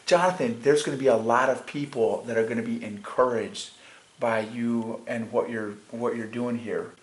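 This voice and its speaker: A woman interviewing a family and praising them warmly. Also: a bass voice, normal speed. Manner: effusive, full of praise. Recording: echoey room.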